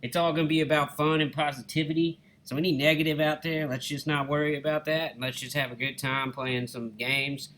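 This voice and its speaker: A man's voice: a little high, level tone, fairly quick, few pauses, a bit bright. A man with a Southern Alabama accent giving easygoing, folksy, casual commentary over his gameplay. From Alabama, United States. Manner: easygoing, folksy, addresses viewers as guys and y'all. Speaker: gaming channel host.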